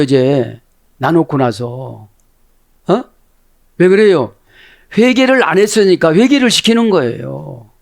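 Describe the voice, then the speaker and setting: A man's voice: high voice, creaky. A male pastor delivering a sermon, often checking in with his listeners with short questions and acting out voices. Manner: animated, constantly prompting the congregation with "에?"; acts out quoted voices within the sermon.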